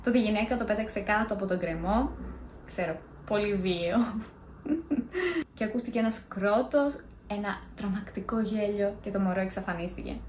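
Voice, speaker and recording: A woman's voice: medium pitch, darkish tone, roomy sound, slight background noise. A young woman in a casual vlog, chatty and self-mocking as she tells scary stories. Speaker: vlogger.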